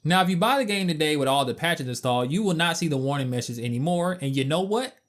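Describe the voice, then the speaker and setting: A man's voice: a little high, animated, fast. A man in his twenties giving a casual, opinionated game review with blunt, emphatic asides. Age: 20s.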